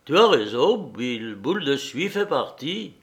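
Guy doing gruff tired trapper henri, slow storybook voice. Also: mid-range voice, very animated, fairly bright tone. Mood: grim.

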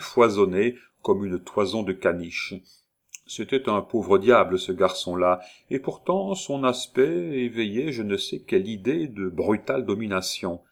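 Male audiobook narrator, low-pitched, measured and unhurried. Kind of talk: audiobook reading of a classic novel.

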